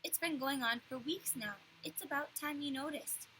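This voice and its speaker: A woman's voice: high-pitched, normal speed, bright, forceful tone, slight background noise, pitched above the performer's own voice, rough recording. A woman reading a sarcastic older brother. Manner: sarcastic, matter-of-fact. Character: exasperated older brother, sarcastic preteen boy.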